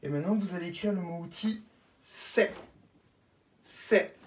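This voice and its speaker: A woman first-grade teacher giving a slow dictation lesson to young children, spelling each word out letter by letter and repeating it. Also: on the low side, a little hiss or hum. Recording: echoey room, voice from a distance.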